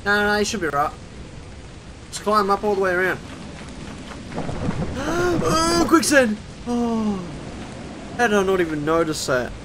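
A man's voice: sits high, fast, noisy background. A man chatting casually with friends during a game, swearing and laughing often. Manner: laid-back, swears often, laughs a lot. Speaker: streamer playing with friends. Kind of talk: casual gaming chat.

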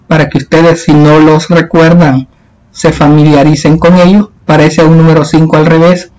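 A man's voice: a little high, a little mellow, rough recording. A male teacher patiently explaining a worksheet to schoolchildren in a recorded lesson. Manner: patient, explanatory, addressing children.

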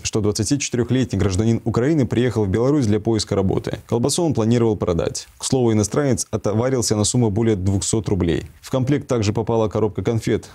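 A man reading the evening local news as anchor in a brisk, even newsreader delivery. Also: lowish voice.

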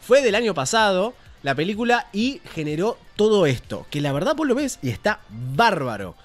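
A man's voice: sits high, big pitch swings, normal speed, faint music behind. A man with an Argentine Spanish accent hosting a casual news commentary show, opinionated and profane. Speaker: show host.

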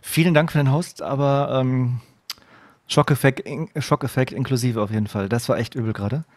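A man streaming a game live, chatting to viewers and breaking into excited shouts, dropping to a hushed mutter when he sneaks. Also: mid-range voice, normal speed, dry recording. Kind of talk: live gameplay commentary. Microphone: desk microphone.

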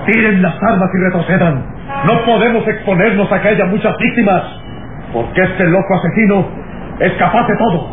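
A man's voice: high voice, moderate pace, background noise, natural voice. Male actor, blustering police chief, indignant, radio serial, echoey tinny recording. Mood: indignant, threatening. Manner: indignant, melodramatic. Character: outraged, blustering airport customs police chief. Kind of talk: old radio serial acting.

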